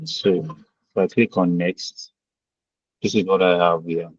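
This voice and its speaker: A man talking a class through his shared screen on a video call, hesitant and step by step, his husky voice heard in the screen recording. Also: sits low, fairly even intonation, slow pace, no echo. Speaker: student on an online class call. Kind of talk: casual screen-share talk. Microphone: video call mic. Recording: dull, dry lo-fi call audio.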